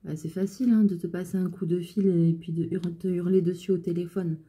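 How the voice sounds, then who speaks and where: A woman's voice: fairly low pitch, steady tone, fairly quick, mellow, husky. A woman who runs a clothing alterations shop, chatting casually and venting with exasperation about her customers.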